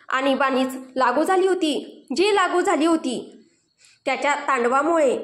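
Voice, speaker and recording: Brief: woman storyteller, high voice, intense and emphatic, recorded in a roomy space. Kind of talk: dramatic story narration. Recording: roomy echo.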